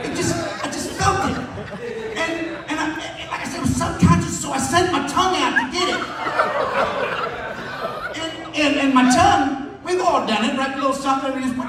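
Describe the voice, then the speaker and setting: A man telling profane stories at an open mic, acting out the dialogue. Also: very high voice. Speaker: stand-up comedian. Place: comedy club stage. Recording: echoey hall, distant mic, crowd.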